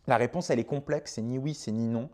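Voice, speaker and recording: Chatty French man with a mellow voice. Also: medium pitch, fast. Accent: French, slightly Québécois-tinged. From France. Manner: chatty, frank, frequent fillers and repetitions. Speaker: host. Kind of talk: casual explanatory monologue.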